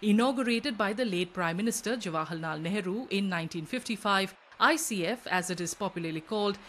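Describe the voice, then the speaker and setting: A woman narrating a news report as a scripted voice-over, reading in an even, formal way. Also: mid-range voice, a little fast, a little hiss or hum.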